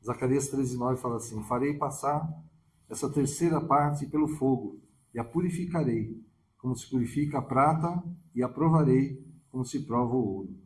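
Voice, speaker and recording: Brazilian man praying fervently, warm dark voice. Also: medium pitch, moderate pace, reverberant, a little hiss or hum, low-quality recording. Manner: fervent prayer with repeated "Senhor". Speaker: preacher. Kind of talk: scripture reading and prayer.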